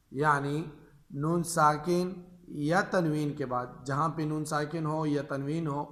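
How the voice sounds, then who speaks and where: Explaining tajweed to a group of teachers, this man goes over every rule more than once with great patience. He sounds bright and forward, pitched slightly high for a male voice, and stretches out his examples slowly, one letter at a time.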